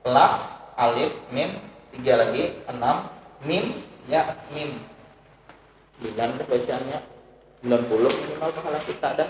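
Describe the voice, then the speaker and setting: A man's voice: mid-range voice, a little slow, pauses often, slight background noise. A male religious teacher giving a study lesson, explaining points and putting questions to his listeners. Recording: long hall reverb.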